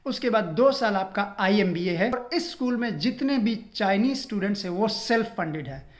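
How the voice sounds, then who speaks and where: A man's voice: high-pitched, expressive, moderate pace. A young man from Pakistan, vlogging and earnestly advising students, dropping English phrases into his talk. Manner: earnest advice, code-switching with English phrases. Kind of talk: casual informational vlog.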